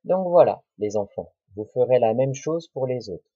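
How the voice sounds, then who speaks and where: A man teaching young children a lesson, talking slowly and deliberately and repeating words and syllables. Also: mid-range voice, expressive, husky, dry recording. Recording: dull lo-fi recording.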